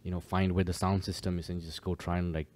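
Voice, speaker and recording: A man's voice: low voice, fast talker. A man from Kenya, a DJ and producer, chatting casually and easygoingly as a podcast guest. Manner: relaxed, easygoing, many fillers.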